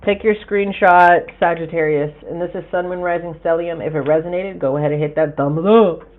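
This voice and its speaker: A man's voice: fairly high pitch, steady tone, fairly quick. A man hosting a casual live tarot forecast, chatty and frank with occasional profanity as he talks straight to his viewers. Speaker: tarot reader and livestream host. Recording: tinny phone-like audio.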